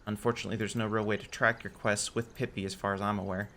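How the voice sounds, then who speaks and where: A man hosting a casual game server tutorial, relaxed and correcting his own slips as he goes. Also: fairly low pitch, fast talker, a little hiss or hum. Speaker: game modding tutorial host. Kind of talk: casual screen-recorded tutorial.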